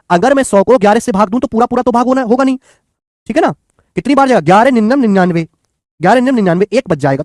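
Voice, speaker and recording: Male math tutor, high voice, close and dry sound, patient and repetitive with students. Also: darkish tone, no echo. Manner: coaxing, repetitive, addresses students as children and friends. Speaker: math teacher. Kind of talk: online exam-prep lecture.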